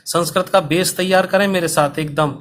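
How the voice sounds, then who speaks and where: A male teacher explaining a Sanskrit lesson to school students, speaking slowly and deliberately so they can write along. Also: on the high side, fairly even intonation, a bit bright, a little hiss or hum. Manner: slow, dictation-paced explanation. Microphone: recorded for online video.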